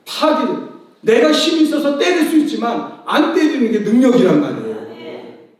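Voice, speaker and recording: A male pastor preaching with a strikingly high voice that swoops up and down with lively energy. He fires rhetorical questions and acts out voices from his stories. The sound rings through a very echoey church hall, picked up from some distance. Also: normal speed. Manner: animated preaching with rhetorical questions and acted-out quotes. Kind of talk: sermon. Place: church sanctuary.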